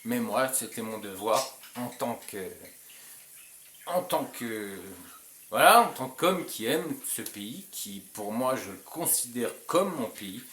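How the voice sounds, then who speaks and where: A man from France addressing his viewers in a blunt, emphatic way, stumbling and restarting often and chuckling between points. His voice sits at an ordinary pitch. The sound is roomy with echo and carries a faint background hiss. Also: fairly bright tone. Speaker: channel host. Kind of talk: casual direct-to-camera talk.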